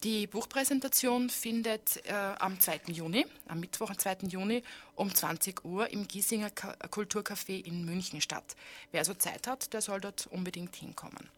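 A woman's voice: medium pitch, moderate pace. A woman introducing her own novel and an upcoming book launch, speaking loosely with fillers and restarts. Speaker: author presenting her book.

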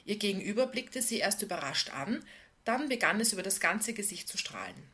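Woman doing a calm novel reading. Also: mid-range voice, brisk. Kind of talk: literary reading.

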